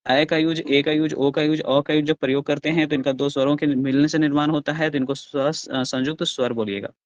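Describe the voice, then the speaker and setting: Hindi grammar teacher sounding out letters. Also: male voice, on the high side, fairly even intonation, dry recording, lo-fi sound. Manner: explains step by step, asks the class questions and answers them himself; sounds out letters slowly and loudly. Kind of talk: online class lecture.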